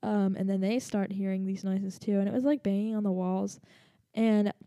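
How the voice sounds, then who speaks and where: A woman tells a story in a loose, rambling way, with many fillers and asides. A slight lisp colours her speech, and her tone is mellow and dark. The sound is dry, with no room echo. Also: medium pitch, fairly even intonation, moderate pace. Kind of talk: casual storytelling.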